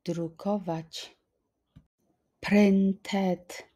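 A woman teaching vocabulary in a slow flashcard-style lesson, saying each phrase twice with deliberate care. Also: mid-range voice, fairly even intonation, warm tone. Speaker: language teacher.

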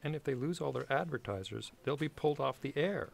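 A man's voice: mid-range voice, fairly quick, vocal fry. A man voicing an earnest, insistent 1960s office-worker puppet in a comedic parody.

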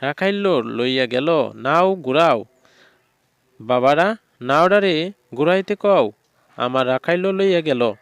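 A man reading out the lines of a frantic old village woman pleading loudly in rural dialect. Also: a little high, lively intonation, slow, long pauses, clean tone, no echo.

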